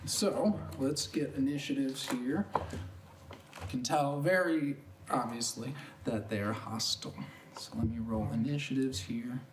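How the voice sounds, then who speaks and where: Male game master, relaxed, roomy room sound, faint hiss. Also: medium pitch, measured pace. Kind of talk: narrating a tabletop game. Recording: roomy, distant mic, faint noise.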